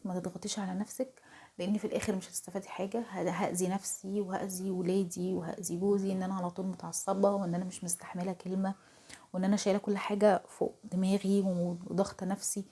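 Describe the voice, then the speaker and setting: A young Egyptian woman with an Egyptian Arabic accent, talking softly and confidingly to her viewers in a casual home vlog, often dropping to a half-whisper. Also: mid-range voice, breathy edge. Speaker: home vlogger. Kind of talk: casual talk to camera.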